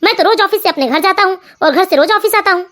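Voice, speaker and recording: A woman voicing a grown son who firmly lectures his mother and wife in an animated family story. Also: very high-pitched, quick pace, slight background noise. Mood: stern.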